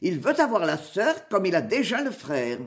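A woman's voice: mid-range voice, big pitch swings, moderate pace, lightly acted. A woman reading aloud voices a fierce, mocking male outlaw who boasts and threatens. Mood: boastful.

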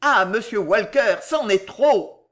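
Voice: mid-range voice, lively intonation, takes it slowly, fairly bright tone. A reader voicing a sly male servant who gushes in an overly sentimental way in an audiobook. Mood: gushing. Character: sly, gushing male servant, falsely tearful. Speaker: character in an audiobook. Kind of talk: audiobook character reading.

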